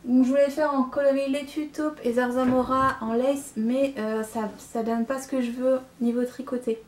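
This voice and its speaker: A woman's voice: sits high, little pitch movement, normal speed, a little mellow, a little hiss or hum. A young woman hosting a knitting podcast, chatting casually about yarn she received, with frequent fillers and little laughs. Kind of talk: casual chat showing yarn haul.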